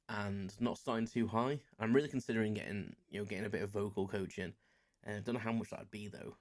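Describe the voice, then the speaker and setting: On his solo podcast, a man from England aged about forty chats loosely, drifting between thoughts, joking at his own expense and filling gaps with fillers. His voice is fairly low and darkish in tone.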